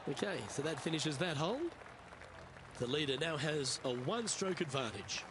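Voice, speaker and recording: A man voicing a measured golf commentator for a game, giving short, understated remarks on each shot. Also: fairly high pitch, animated, a loud crowd, close to an everyday voice. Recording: clear outdoor ambient noise.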